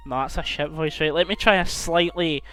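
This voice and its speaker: A man's voice: fairly high pitch, fairly quick, fairly bright tone. A young man rambling and swearing as he commentates on his game playthrough. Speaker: let's play host. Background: game music.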